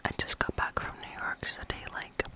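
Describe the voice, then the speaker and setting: An ASMR vlogger chatting in a soft unvoiced whisper, rambling with many fillers and eating between remarks. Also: moderate pace. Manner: chewing and eating sounds between talk.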